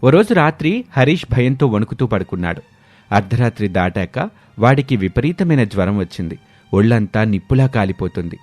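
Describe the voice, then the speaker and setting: A man narrating a moral storybook in a steady, expressive way. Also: on the low side, normal speed, no echo.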